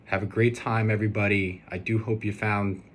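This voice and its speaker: With a lowish voice and a brisk pace, a young man about to marry answers questions in a casual video message. He sounds earnest yet hesitant, rambling a bit, and steady noise hums behind him.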